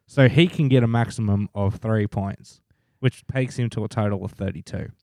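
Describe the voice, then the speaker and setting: A man's voice: fairly low pitch, moderate pace, darkish tone, dry recording, clean studio sound. A man with an Australian accent co-hosting a podcast, explaining things in an informal, sweary, conversational way. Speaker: podcast co-host. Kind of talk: casual explainer chat.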